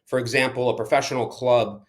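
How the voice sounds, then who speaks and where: Born in Ukraine, the man is a soccer club manager and coach fielding interview questions. He answers emphatically, hurrying some phrases and slowing on others, though his medium-pitched voice keeps a fairly even intonation.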